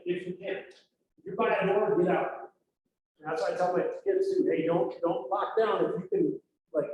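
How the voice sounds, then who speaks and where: A man's voice: sits high, a little mellow. A middle-aged man, a police trainer, giving a casual, chatty safety training talk to a group at a workplace, often checking in with "right?". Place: large room at a workplace, in front of a group. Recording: very echoey room, faint noise.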